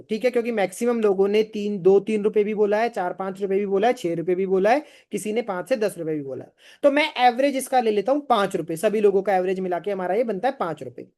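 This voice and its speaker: A man teaches a live online sales session in a fairly high voice. He drives his points home with emphatic rhetorical questions. He keeps pushing viewers to type their answers in the chat. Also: darkish tone. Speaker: sales trainer.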